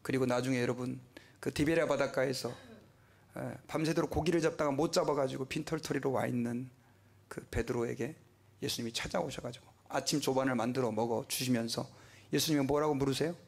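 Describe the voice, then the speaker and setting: A man's voice: mid-range voice, fairly even intonation, a little fast, vocal fry. A male pastor preaching a sermon with passion, asking the congregation questions and dropping to a whisper at times. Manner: impassioned, asks the congregation questions, drops to a whisper.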